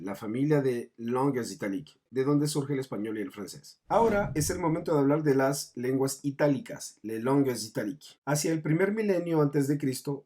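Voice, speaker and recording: A man with a medium-pitched, darkish voice and a breathy edge narrates a scripted explanatory lesson as a language teacher. His delivery is didactic, with French terms mixed in.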